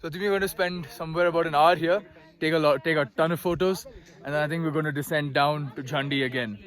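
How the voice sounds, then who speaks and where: A man's voice: a little high, steady tone, fast talker, a bit bright, soft background music. A man talking casually to camera as he vlogs a mountain trek outdoors. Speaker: trekking vlogger.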